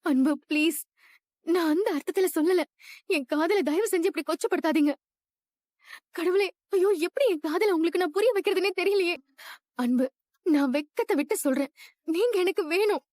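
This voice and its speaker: A woman's voice: extremely high pitch, moderate pace, long pauses, darkish tone, dry recording, clean studio sound. A woman playing a rich young woman who is obsessively in love, with a clingy, pleading and insistent manner in a dubbed drama.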